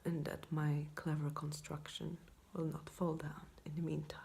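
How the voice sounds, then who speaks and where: A tired woman talking quietly at night in a rambling casual vlog, mostly in a whisper, close to her phone. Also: low-pitched, flat delivery, moderate pace, gravelly, slight background noise. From Poland. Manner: quiet, hushed night-time talk, often whispering; rambling, self-deprecating. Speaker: vlogger. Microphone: iPhone, leaning in close.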